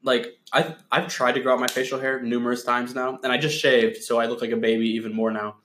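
A man's voice: mid-range voice, flat delivery, fast talker, fairly bright tone. A man of twenty, co-hosting a podcast in a casual comedic chat, rambling and laughing often. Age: 20s. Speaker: podcast co-host.

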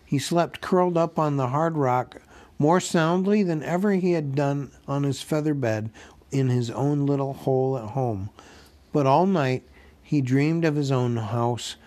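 Slow, deliberate male storyteller. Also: medium pitch. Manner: slow, deliberate, gently expressive reading. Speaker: audiobook narrator. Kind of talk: storybook read-aloud narration.

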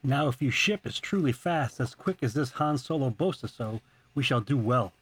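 A man voicing a calm older mentor, speaking in measured Shakespearean verse. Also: medium pitch, breathy edge.

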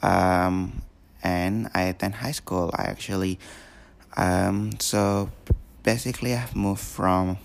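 A teenage boy from Indonesia hosts a casual solo podcast in a low, gravelly voice, speaking slowly with fairly even intonation. He rambles, using lots of fillers and repeated words.

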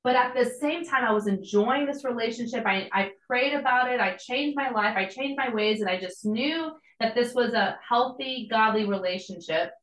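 A woman's voice: on the high side, moderate pace, hardly any pauses, a bit bright. A woman, giving a conversational, earnest devotional teaching with casual asides. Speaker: podcast host and church planter. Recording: echoey room.

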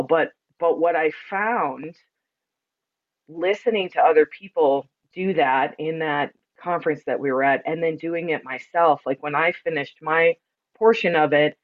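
A woman with a deep, full-bodied, resonant voice talks reflectively and with emphasis, explaining things earnestly in a conversational interview. She is a podcast guest who practices spiritual sound and ceremony work. The recording sounds somewhat dull and lo-fi.

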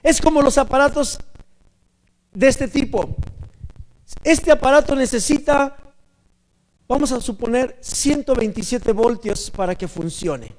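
An older man with a Mexican accent preaching a sermon to a congregation, moving from hushed asides to loud, drawn-out emphatic calls. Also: very high-pitched, poor audio. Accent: Mexican Spanish. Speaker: pastor.

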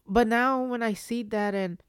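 A woman's voice: on the high side, fairly even intonation, unhurried, clean tone, no room sound. A woman hosting a solo podcast, telling stories casually in a rambling way that circles back and repeats phrases. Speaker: podcast host.

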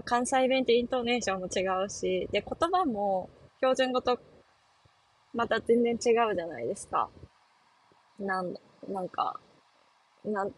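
A woman's voice: mid-range voice, low-quality recording. A young woman hosting a casual solo talk show, chatting and laughing with many fillers. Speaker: podcast host.

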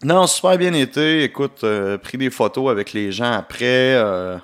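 Man, Québécois accent, young adult, podcast host, rambling, joking, lots of filler, mid-pitched voice. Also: expressive, measured pace, fairly bright tone, smooth. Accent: Québécois French. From Quebec. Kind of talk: casual solo podcast monologue.

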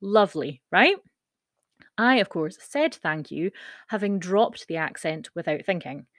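Her personal essay, read aloud on her podcast, comes across wry and playful in an animated, unhurried, lowish voice. The host is a Scottish-accented woman in her thirties from the Scottish Highlands, and the studio sound is clean with no echo.

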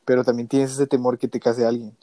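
A young man with a Mexican Spanish accent muses in an easygoing way on a casual podcast. His voice is mellow and relaxed, at an ordinary pitch for a man. The sound is close and dry. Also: a little fast, no echo. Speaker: podcast co-host.

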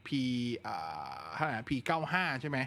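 A man hosting a casual live tech chat, relaxed and talkative, answering viewer questions with plenty of fillers. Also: mid-range voice, normal speed, vocal fry. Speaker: tech livestream host.

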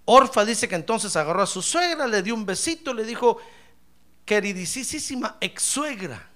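A man's voice: high voice, big pitch swings, fairly quick, bright, forceful tone. A man preaching a sermon in church, emphatic and ironic, often calling his listener brother. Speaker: pastor.

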